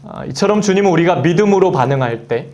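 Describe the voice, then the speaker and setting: A male pastor preaching a Sunday sermon, reading scripture aloud and acting out the quoted pleas in a raised, animated voice. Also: fairly high pitch, fast, muffled recording.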